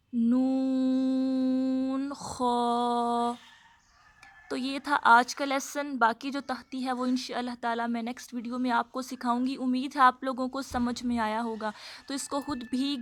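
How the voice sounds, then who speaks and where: A woman teaching Quran letter pronunciation, sounding out each letter slowly and carefully, then explaining in quick casual speech. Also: high-pitched, a bit bright. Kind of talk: slow letter-by-letter tajweed lesson.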